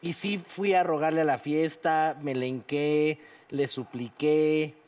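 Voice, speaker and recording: A Mexican man speaks in a fairly high register, chatting casually among friends. He tells his stories with animation and acts out the quotes as he goes. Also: takes it slowly. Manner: animated, confessional storytelling with acted-out quotes. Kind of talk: casual chat.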